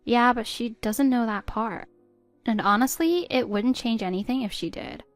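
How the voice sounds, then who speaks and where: A woman voicing a patient, hurt middle-aged stepmother who pleads gently with her stepdaughter. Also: fairly high pitch, moderate pace, no echo, soft background music, natural voice. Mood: confiding. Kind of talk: text-story voice acting.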